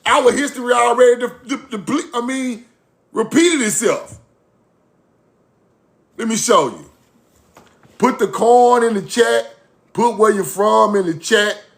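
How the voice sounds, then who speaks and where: High-voiced slow man with gravel. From Mississippi, USA. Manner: repetitive catchphrases, preachy and emphatic. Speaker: online video host. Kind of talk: casual talk to a live-chat audience.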